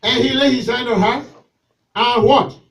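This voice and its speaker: A man preaching at a church service with a noticeably high voice. He leads call-and-response lines and swings from shouted exhortation to soft pleading. The sound is picked up from some distance away. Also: steady tone, measured pace. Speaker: pastor.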